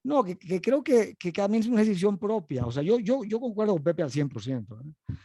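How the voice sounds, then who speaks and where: A man's voice: high-pitched, sing-song, a little fast, warm tone, dry recording, clean studio sound. A man with a Mexican accent, a filmmaker guest on a panel, speaking reflectively and ending phrases with a questioning tag. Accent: Mexican Spanish. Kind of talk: casual panel discussion.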